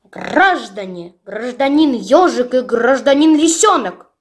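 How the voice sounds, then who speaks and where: A woman reading a storybook aloud, voicing a pompous older crow who lectures the others in a lowered, commanding voice. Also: lively intonation, slow. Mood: stern. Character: stern old know-it-all crow.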